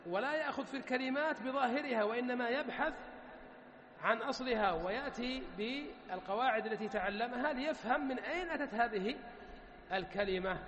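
A man teaching a grammar lesson, drawing words out slowly and asking questions he then answers himself. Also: very high-pitched, a bit bright, echoey room, long reverb tail, slight background noise. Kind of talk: classroom lecture on morphology.

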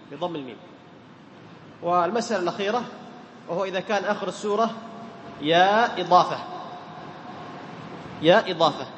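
A man teaching the rules of Quran recitation to a class, quizzing his students and repeating key terms, chanting the verse examples slowly. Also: high voice, fairly bright tone, in a large hall, a little hiss or hum.

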